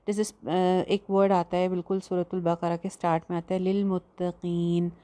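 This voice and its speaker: A woman teaching a tajweed lesson, patiently explaining and slowly demonstrating each letter sound. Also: lowish voice, flat delivery, mellow, clean tone. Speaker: Quran recitation teacher.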